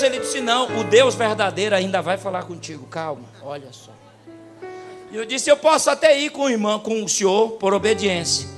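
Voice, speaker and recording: Brazilian preacher, high male voice, swings from hush to shouting, live music under him. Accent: Brazilian Portuguese. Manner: storytelling, swings from quiet to shouting. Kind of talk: sermon.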